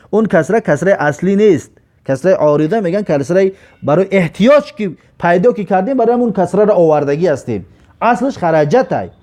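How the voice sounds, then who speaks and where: A man's warm, high-sitting voice guides an Arabic grammar lesson, breaking it down step by step. Answering the questions he himself asks, he reads out the example sentences at a slow pace.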